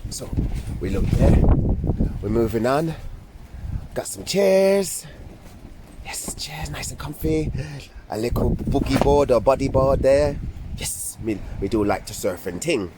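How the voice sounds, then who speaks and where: A man voicing a chatty, excitable girl doll in a slow drawl, savouring and repeating phrases as the doll gives a playful tour for a children's video. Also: medium pitch, noisy background, close to an everyday voice. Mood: leisurely, pleased.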